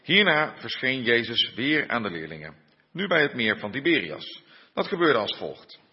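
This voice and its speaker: Husky-voiced preacher in a reverberant church. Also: male voice, medium pitch, big pitch swings. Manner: unhurried, with frequent hesitations and fillers. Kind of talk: sermon with scripture reading. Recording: dull muffled sound in a reverberant church.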